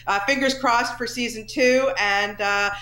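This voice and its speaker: A woman's voice: a little high, steady tone, a little slow, pushed and bright, echoey room, poor audio. A middle-aged woman from Canada hosting an entertainment interview, effusive and chatty.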